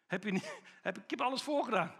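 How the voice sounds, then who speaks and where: A man's voice: on the high side, a bit bright, in a large hall. A man voicing an exasperated Jesus who scolds his disciples with one rising question after another. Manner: rising, pleading rapid questions.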